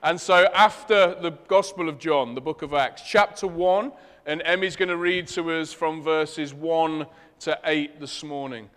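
A man's voice: fairly high pitch, fairly even intonation, measured pace, a bit bright, clean tone. A man with a Leicester accent speaking as a pastor, preaching and leading a church congregation. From Leicester, England. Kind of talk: sermon, addressing a congregation with prayer and asides. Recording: echoey hall with long reverb.

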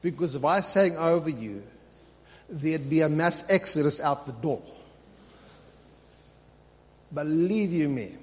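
Animated and slightly high, a darkish male voice preaches at a moderate pace. The pastor rouses his congregation in an off-the-cuff teaching, repeating phrases for emphasis. Reverb from the big live hall and a faint hum and noise mark the recording.

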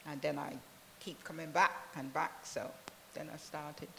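A woman from Barbados, a church member, giving a soft, unhurried testimony in an interview. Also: sits low, flat delivery, creaky, long reverb tail, slight background noise. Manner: soft-spoken, unhurried, many "really"s.

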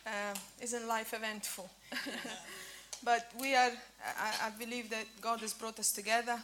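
An Italian woman in her fifties offers an informal sermon over a church breakfast, stumbling through many fillers and restarts. She is a native speaker whose Italian accent shows a trace of Scottish. Her voice sits a little high, steady and somewhat bright, and she talks a bit slowly against slight background noise.

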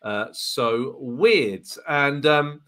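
Bright, upbeat male podcast host. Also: mid-range voice, very slow. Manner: chatty and upbeat, laughs easily, fillers. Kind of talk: casual live-stream chat.

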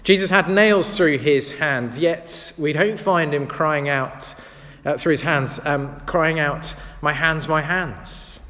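A man's voice: a little high, slow pace, fairly bright tone. A man preaching a sermon, earnest and reflective as he tells stories. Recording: long reverb of a large hall.

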